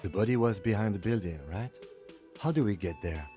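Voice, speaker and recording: An actor voicing a calm, methodical male police officer in a video game, speaking tersely and precisely. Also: fairly low pitch, fairly quick, faint music behind, natural voice. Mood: businesslike. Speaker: police detective partner.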